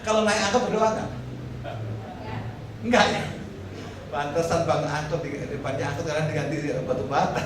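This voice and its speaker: A male pastor with a high voice preaches to his congregation, cracking jokes and firing questions at them. He sounds distant, as if caught by a mic across a big church hall. The hall rings with a long echo, and steady background noise sits under his voice. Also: moderate pace, long pauses. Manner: joking, asks the congregation questions, lively delivery. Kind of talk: sermon. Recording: echoey hall, heard from far off, noisy.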